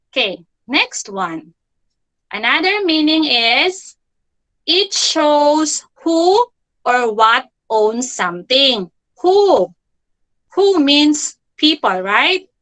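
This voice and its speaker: A woman's voice: high voice, pushed and bright, poor audio. A woman teaching an online grammar lesson for children, repeating key phrases and checking in with "okay?" after nearly every point.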